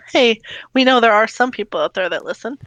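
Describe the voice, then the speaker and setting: A woman's voice: a little high, a bit bright, dry recording. Woman cohosting, playful, laughs a lot, dry close sound. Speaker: podcast co-host. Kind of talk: casual chat.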